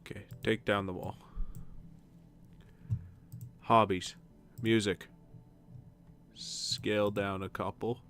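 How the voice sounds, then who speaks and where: A man's voice: fairly low pitch, flat delivery, slow, pauses often, fairly bright tone. A man casually commenting as he plays a decorating game on stream, muttering to himself as he places furniture. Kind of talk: casual let's-play commentary.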